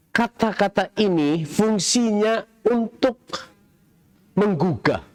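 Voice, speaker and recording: A middle-aged man giving a Quran commentary lecture in a large mosque, explaining slowly and quizzing his audience. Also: on the high side, darkish tone. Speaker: mosque preacher.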